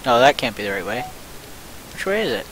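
A young man livestreaming a game with a friend, excitable and jokey, reading prompts aloud as he plays. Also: sits high, a little fast, creaky, noisy background. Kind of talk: casual gaming chat.

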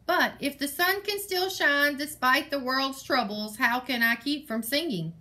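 A woman's voice: high-pitched, measured pace, sharp tone, voice pushed up. A woman voicing a stubborn, brave male rooster while reading a storybook aloud. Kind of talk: reading a picture book aloud.

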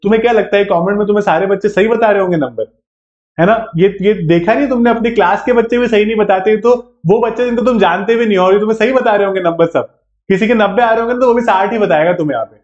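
High-voiced Indian teacher, chatty. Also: male voice, fast, a little mellow. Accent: Indian English. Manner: chatty, checks in with frequent tag questions. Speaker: law entrance exam teacher. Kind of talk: live online class lecture, Hindi-English mix. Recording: echoey room, dull lo-fi sound.

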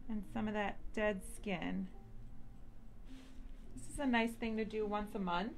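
A woman's voice: mid-range voice, steady tone, a little slow, gravelly. A woman in her thirties speaking through a face mask, slightly muffled, informally explaining a treatment as a nurse practitioner on a live video. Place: small indoor treatment room. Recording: noisy room ambience.

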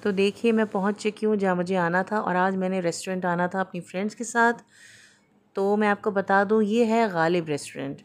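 An upbeat woman, chatting to her followers in a casual vlog. Her voice sits at an ordinary middle pitch, recorded on a phone at arm's length with faint background hiss. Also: a little fast. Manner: chatty, upbeat, enthusiastic recommending. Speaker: lifestyle vlogger. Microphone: phone camera at arm's length.

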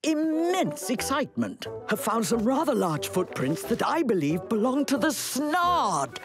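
A woman's voice: a little high, very animated, a little slow, music in the background. A woman voicing an earnest female explorer who tells her expedition story in formal, dramatic phrasing for a cartoon. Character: earnest adult female explorer chasing a shy creature. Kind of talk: cartoon narration of an expedition diary.

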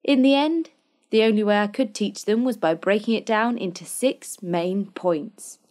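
A young woman speaking naturally at medium pitch and a measured pace, slightly mellow, plays a wry narrator of a comic fairytale. The storybook-style narration is scripted and set over background music.

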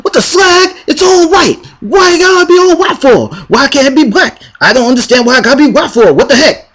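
A man, a fan voice actor, ranting and joking between takes in a casual, animated way. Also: very high voice, a little fast.

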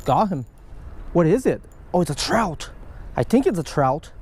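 A husky voice on the high side, moving at a moderate pace, belongs to a fishing vlogger out by a creek under a stone bridge. He keeps up excitable, casual commentary to the fish and his viewers, filmed on a chest-mounted action camera.

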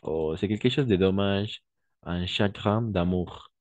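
A man's voice: sits low, unhurried, a little mellow, dry recording. A man teaching French in an online class, patiently repeating each word and translating into Spanish. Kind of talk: online language lesson.

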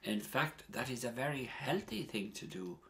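A man, a priest, giving a sermon in an earnest, emphatic way, with strong rises and falls in pitch and loudness. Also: lively intonation. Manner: earnest, measured preaching.

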